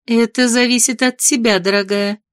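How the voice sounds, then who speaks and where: A woman reading an audiobook, voicing a noble mother who speaks in a measured, formal, gently reproving way. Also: on the high side, fairly even intonation, dry recording, clean studio sound, natural voice. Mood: tender. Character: noble mother, gentle but stern lady. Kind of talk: audiobook character voice.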